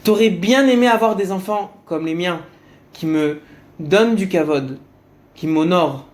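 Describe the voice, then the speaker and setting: A modest, humble husband who answers softly and politely, earnest and kind, as a male storyteller plays him. His voice stays close to the teller's own, plain and sincere. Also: sits high, a little slow.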